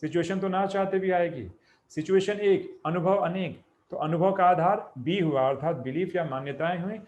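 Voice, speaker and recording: A man gives an explanatory talk as a spiritual teacher. His voice sits a little higher than most men's. He builds the idea up step by step, glosses each term in plain words, and puts questions to the listener before answering them himself. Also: normal speed, darkish tone, highs cut off. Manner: explains step by step, repeats terms with Hindi glosses.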